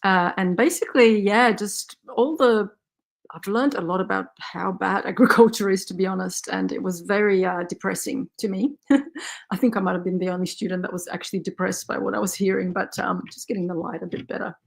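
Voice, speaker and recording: A woman's voice: mid-range voice, fairly even intonation, a little fast, gravelly. A woman from Poland, talking candidly as a guest in a casual interview and laughing as she talks. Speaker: guest soil scientist.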